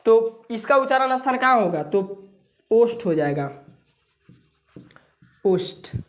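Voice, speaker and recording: A woman's voice: fairly high pitch, expressive, takes it slowly. A woman teaching a grammar lesson to viewers, patient, saying each sound aloud and asking the listener questions.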